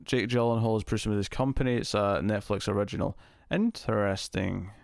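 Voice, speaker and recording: A man with a fairly low voice hosts a casual live stream. He rambles easily as he answers viewers and thinks aloud. The sound is close and very dry, heavily compressed so that his level stays constant. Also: brisk, gravelly, a little mellow, no echo. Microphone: close streaming mic with compressor.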